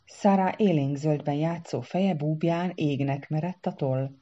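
A woman narrating a storybook tale in an expressive reading manner, on a dull lo-fi recording. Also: sits low. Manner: animated reader doing character voices. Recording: dull lo-fi sound.

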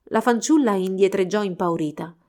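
A woman narrating a fairy tale storybook in a steady, expressive reading. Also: medium pitch, normal speed.

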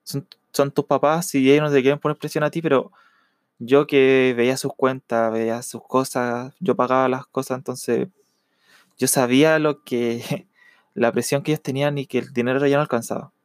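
A young man with a Chilean accent, a student telling his own story in a reflective, halting way with many fillers. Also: mid-range voice, level tone, dry recording, clean studio sound. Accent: Chilean Spanish. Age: young adult. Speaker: university student. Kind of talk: personal testimony.

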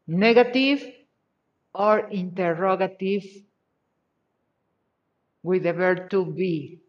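An English teacher going over exercise answers with a class, praising each answer and switching between English and Spanish. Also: mid-range voice. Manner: encouraging, checks answers with short praise; slow, deliberate delivery. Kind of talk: live class exercise review. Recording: dull lo-fi audio.

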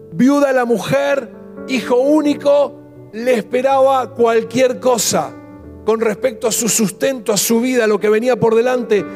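High-voiced Argentine pastor preaching passionately. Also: male voice. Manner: impassioned preaching with rhetorical questions, dropping to hushed repetitions. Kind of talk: sermon.

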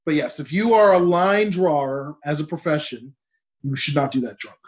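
A man's voice: fairly high pitch, moderate pace. A man co-hosting a podcast in casual comedic banter, opinionated and teasing. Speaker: podcast co-host.

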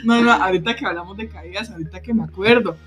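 Lively young Costa Rican woman. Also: medium pitch, fast talker. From Costa Rica. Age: young adult. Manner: animated storyteller, frequent tag questions. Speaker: podcast co-host. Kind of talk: casual chat.

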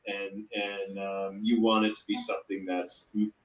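A man's voice: fairly low pitch, monotone, a little slow, muffled recording. Man in an echoey room. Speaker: podcast guest, restaurant operator. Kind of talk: casual chat. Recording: roomy echo.

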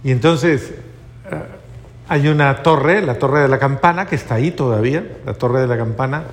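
A man's voice: mid-range voice, normal speed. A male preacher giving a sermon in a hall, telling stories animatedly and addressing his audience directly.

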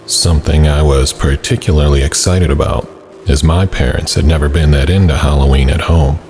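A man's voice: extremely low pitch, fairly even intonation, moderate pace, a little mellow, faint music behind. A man narrating a scripted first-person story as a storyteller.

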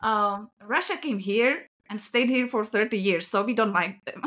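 A woman with a Czech accent answers podcast questions in English, her second language. She laughs often and pauses on fillers as she searches for words. Her voice sits at an ordinary pitch for a woman. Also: fairly bright tone. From Czech Republic. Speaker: podcast guest. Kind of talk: casual interview answers.

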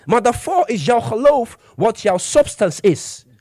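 High, lively preacher voice, dry mic. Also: male voice, measured pace, no room sound. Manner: emphatic, asks the congregation questions, slips into English phrases. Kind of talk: sermon.

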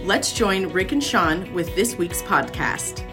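A woman's voice: on the low side, animated, slow, a bit bright. A woman reading a scripted podcast introduction as its announcer. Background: music.

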